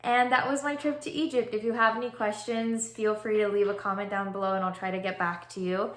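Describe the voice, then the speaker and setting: A young woman talks through her travel vlog in a casual, easygoing voice-over, with plenty of "um"s. Her pitch sits in a middle range. The recording has a noticeable roomy echo. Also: a little fast, a loud crowd, very noisy. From California. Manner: relaxed, chatty, frequent "um" fillers. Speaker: travel vlogger.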